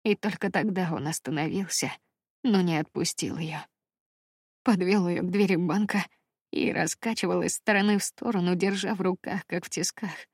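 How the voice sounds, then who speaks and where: A woman narrating a romance audiobook in a soft, intimate storytelling manner. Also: lowish voice, moderate pace, breathy edge, no room sound, studio quality.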